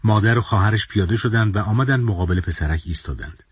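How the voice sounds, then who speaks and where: Brief: male storyteller, solemn and measured, low husky voice, dry close recording. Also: no room sound. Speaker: narrator. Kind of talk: audio story reading.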